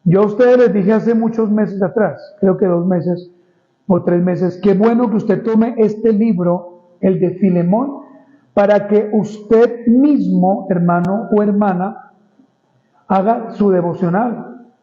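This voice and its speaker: A man preaching an expository Bible sermon as pastor, reading scripture slowly and emphatically and often addressing the congregation as brothers. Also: high voice, muffled recording.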